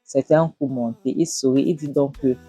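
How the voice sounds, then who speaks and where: A woman hosting a show and giving a casual, halting recap of a series episode. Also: very deep voice, fairly even intonation, mellow, breathy edge, soft background music. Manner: halting, lots of fillers and restarts. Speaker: host.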